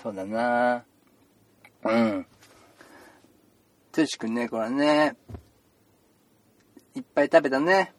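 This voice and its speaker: A man's voice: mid-range voice, takes it slowly, long pauses, lightly acted. A man playing a chatty male doctor who rambles with puns and mock-stern scolding, in an improvised comedy role-play. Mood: playful. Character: chatty joking male doctor seeing patients.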